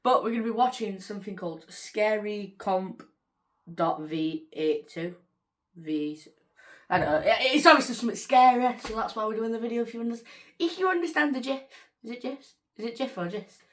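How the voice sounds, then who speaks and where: A woman's voice: on the high side, lively intonation, moderate pace. A woman hosting a casual reaction vlog, chatty and easily startled. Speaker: reaction video host.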